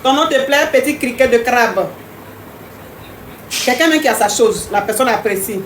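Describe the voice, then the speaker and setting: A woman's voice: fairly high pitch, animated, normal speed, reverberant, a little hiss or hum. A woman hosting a live stream, chatting casually and teasingly with viewers, repeating herself often. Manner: repetitive, teasing, talks straight to commenters.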